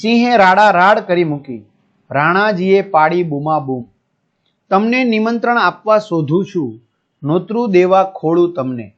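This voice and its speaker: A man's voice: high voice, expressive, a little slow. A male teacher reads a school lesson aloud and explains the answers step by step to his students. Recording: dull lo-fi recording.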